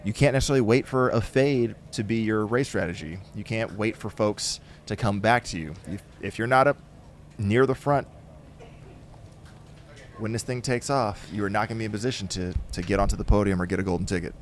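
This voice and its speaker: A man co-commentating a live trail race, analytical and measured. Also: lowish voice, a little hiss or hum.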